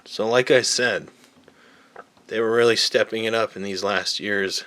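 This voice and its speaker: A man casually reviewing an action figure, chatty and relaxed, with lots of fillers and a little out of breath. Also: lowish voice, unhurried. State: slightly out of breath. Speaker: toy reviewer. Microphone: camera mic on tripod.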